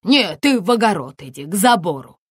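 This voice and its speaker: A woman's voice: medium pitch, big pitch swings, a little fast, husky, no echo, studio quality. A woman voicing a middle-aged village healer in an audiobook, coaxing and motherly in tone. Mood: pleading.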